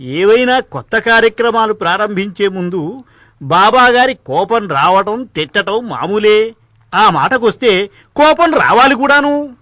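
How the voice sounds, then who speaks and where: An actor playing a learned male priest who explains things in a measured way. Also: high-pitched, animated, bright, forceful tone, no room sound, studio quality, heavily acted. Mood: explaining. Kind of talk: devotional drama dialogue.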